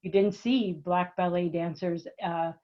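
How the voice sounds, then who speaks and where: Low-voiced woman on a muffled call. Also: fairly even intonation, a little slow. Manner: thoughtful, conversational, with fillers. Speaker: participant. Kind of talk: book discussion over video call. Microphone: video call. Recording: muffled video call audio.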